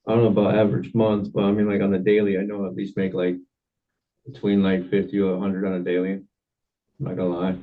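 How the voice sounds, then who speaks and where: A man's voice: deep voice, completely flat delivery, fast talker. A man giving informal, plain-spoken answers as a defendant, over a tinny, distant phone-like line. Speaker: defendant appearing from jail. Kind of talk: brief, informal answers to a judge.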